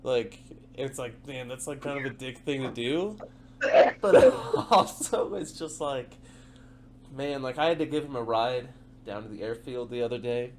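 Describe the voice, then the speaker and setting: Young male co-host, swears a lot, loose storytelling, laughs through his punchlines, mid-pitched voice. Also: expressive, a little slow, a little hiss or hum. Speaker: podcast co-host. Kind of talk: casual chat.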